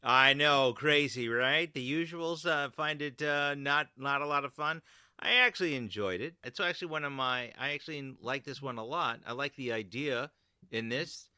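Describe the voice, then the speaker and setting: A man hosting a podcast in casual chat, talkative and quick to laugh. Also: mid-range voice, pushed and bright, clear, resonant tone, no echo. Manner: chatty, laughs often. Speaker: podcast host.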